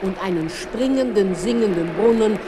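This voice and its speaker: A woman voicing a wise, kindly old grandmother who is the sea, speaking gently in a children's radio play. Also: mid-range voice, moderate pace, background noise, natural voice. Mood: gentle.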